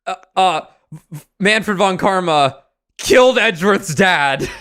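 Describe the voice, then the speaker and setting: A man's voice: sits high, a little slow, fairly bright tone. A young man hosting a game stream, explaining the story in a rambling, casual way. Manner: rambling, with many fillers and restarts. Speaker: streamer, host.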